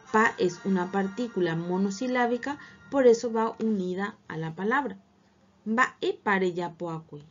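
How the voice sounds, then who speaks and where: A woman teacher narrating a scripted language lesson, reading slowly and articulating each word with care. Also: medium pitch. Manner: slow, careful, clearly articulated reading. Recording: dull lo-fi recording. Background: faint background music.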